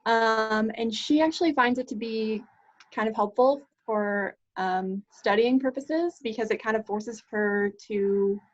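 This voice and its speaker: A woman's voice: a little high, measured pace. A young woman in her twenties from Kansas, a law student answering interview questions in a hesitant way, with many ums. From Kansas, USA. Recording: muffled lo-fi audio.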